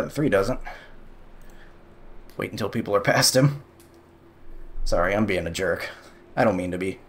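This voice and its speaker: A young man giving casual, sarcastic commentary over a sim racing replay, exasperated at the calls. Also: fairly low pitch.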